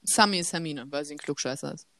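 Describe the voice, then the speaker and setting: A woman's voice: deep voice, quick pace, pushed and bright, dry recording. A young woman in her twenties chatting playfully as a podcast co-host, laughing often. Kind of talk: casual chat.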